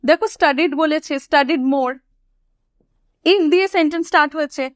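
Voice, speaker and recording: A woman teaching an English lesson. She explains each point and asks her students questions, then slows down to say each English example sentence clearly. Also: high-pitched, dry recording, studio quality. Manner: asks the class questions, then answers them. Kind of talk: classroom explanation.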